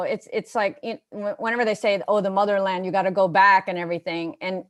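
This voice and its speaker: Chatty american woman in her middle years, rambles and restarts a lot, middling voice. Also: medium pitch. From United States. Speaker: guest on a comedy variety show. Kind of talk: casual chat.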